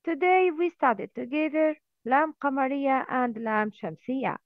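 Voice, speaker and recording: A woman teaching a lesson slowly and carefully, repeating words for her learners. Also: high-pitched, dry recording. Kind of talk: slow step-by-step lesson. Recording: dry, tinny phone-like sound.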